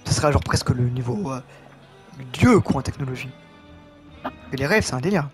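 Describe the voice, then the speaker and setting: A man's voice: medium pitch, animated, normal speed, soft background music. A man casually commenting on a game walkthrough, correcting himself often, his voice getting tired. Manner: rambling, self-correcting, reads game text aloud. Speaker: gaming video host.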